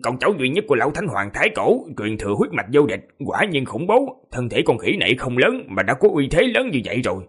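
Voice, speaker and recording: An onlooking male cultivator in a fantasy audiobook, voiced by a male narrator, marveling in a husky voice. His pitch rises and falls with lively emphasis. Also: fast talker, few pauses. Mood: awed.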